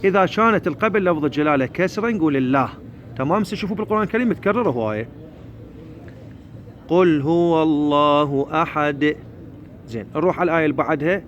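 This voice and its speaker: A man with an Iraqi Arabic accent teaching Quran recitation, explaining each point quickly and then reciting verses slowly and drawn out. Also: a little high, lively intonation, fairly bright tone, lo-fi sound, a little hiss or hum.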